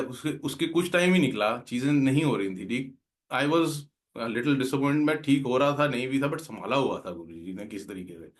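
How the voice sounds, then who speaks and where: A man earnestly telling a heartfelt personal devotional story, slipping English words into his talk. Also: medium pitch. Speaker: guest speaker at a devotional gathering.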